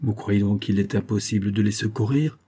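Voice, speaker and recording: A man's voice: fairly low pitch, fairly quick, dark tone, slightly rough. A man voicing an impetuous young naval lieutenant in a raised, urgent voice for a storybook reading.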